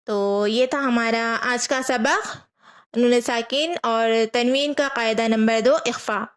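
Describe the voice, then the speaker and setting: A woman teaching a Quran reading lesson, patiently repeating each rule, asking her students questions and slowly spelling out letters. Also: fairly high pitch, clear, resonant tone. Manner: patient, repeats rules and asks rhetorical questions.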